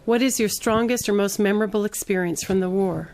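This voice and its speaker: A woman's voice: mid-range voice, a little fast, darkish tone, slight background noise. A woman interviewer reading out prepared questions in a formal interview.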